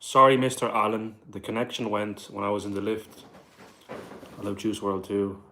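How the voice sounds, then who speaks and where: A Dublin livestream host speaks at normal speed in a fairly low voice whose flat delivery has a sharp edge, with slight background noise. He reads out questions from viewers and answers them casually, saying "like" and "bro" a lot.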